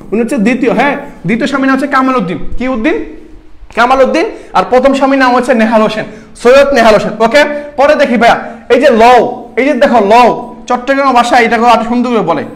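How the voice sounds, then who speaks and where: A man's voice: extremely high pitch, fairly bright tone. A young man, tutoring students for an admission exam, quizzing them and repeating key answers. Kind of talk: online exam-prep class.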